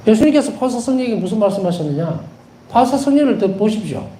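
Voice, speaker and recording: Animated Korean priest, roomy echo. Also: male voice, high voice, fast talker, a little hiss or hum. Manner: animated, repeats key words for emphasis; tells anecdotes with gentle humor. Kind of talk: devotional lecture.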